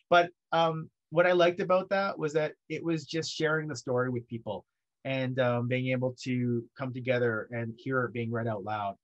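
A man in his thirties co-hosting a book talk over a video call, lively and thankful, with frequent ums, from a home studio. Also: medium pitch, dull audio. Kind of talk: casual video call chat. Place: home studio with art banner behind. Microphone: video call webcam.

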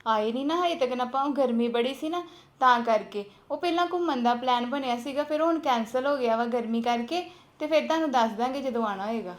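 A woman's voice: a little high, a little fast, close to an everyday voice. A woman playing a married younger sister who speaks politely and soothingly over the phone. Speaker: sister-in-law character.

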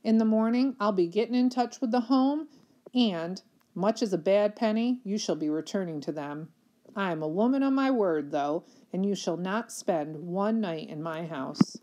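A woman's voice: mid-range voice, expressive, moderate pace, warm tone, close to an everyday voice. A woman voicing a haughty middle-aged foster mother who scolds in stiff, formal words. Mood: scornful. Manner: formal, scolding, lofty diction.

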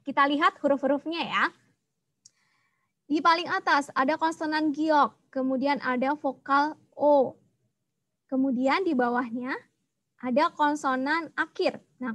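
A woman's voice: high-pitched, fairly bright tone, dry recording. A young woman, teaching an online language lesson and patiently explaining each sound step by step.

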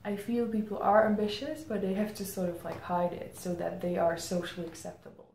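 A woman's voice: mid-range voice, gravelly, darkish tone. Thoughtful woman, roomy sound. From Czech Republic. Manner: thoughtful, pauses with many "um"s. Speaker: marketing head interviewed as guest. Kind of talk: reflective interview answers. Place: indoor room against a plain grey backdrop. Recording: roomy echo, faint ambient noise.

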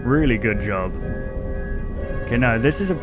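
Over music, a man in his twenties gives casual reaction commentary as a YouTube host, his medium-pitched voice animated and moderately paced. He sits close to a desk microphone in his bedroom.

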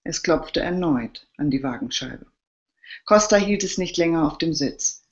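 A woman, the author, reading her crime novel aloud live in a steady narrating voice. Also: sits low, unhurried, highs cut off.

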